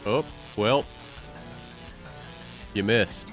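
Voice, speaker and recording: A man's voice: lowish voice, extremely slow, low-quality recording. A man giving casual, off-the-cuff commentary as he plays a game. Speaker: game streamer, let's player. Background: game music.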